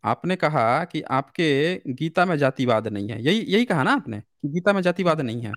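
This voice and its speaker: A high-pitched man hosting a live call-in debate, pressing his caller with rapid, insistent questions. His voice is dry and close, with no room sound around it. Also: very animated, no echo. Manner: argumentative, rapid-fire questioning. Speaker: host.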